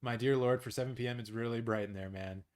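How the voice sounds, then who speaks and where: A man's voice: medium pitch, fairly even intonation, fast, darkish tone. A chatty man from Canada, talking casually to a live-stream audience from his apartment. He rambles and restarts, with a mid-range voice and plenty of fillers. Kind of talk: casual live watch-along chat, reading viewer comments.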